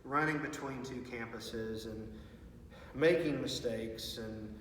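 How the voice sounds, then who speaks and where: A man speaking as a youth pastor in an informal video message, earnest and halting, with repeated words. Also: mid-range voice, fairly bright tone. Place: large empty student ministry room with stage. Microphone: far from the speaker. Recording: very echoey hall, distant mic, faint noise.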